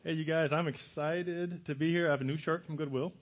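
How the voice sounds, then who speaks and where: A man's voice: a little high, steady tone, fairly quick, lo-fi sound. A middle-aged American man from Louisiana preaching casually and humorously to a congregation in a jittery, over-caffeinated way, jumping between broken phrases. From Louisiana, American South.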